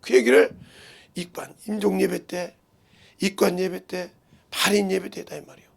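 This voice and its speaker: A middle-aged male pastor preaching a sermon full of stories, dropping to hushed murmurs and rising to loud cries as he voices relatives. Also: sits high, flat delivery, moderate pace, vocal fry.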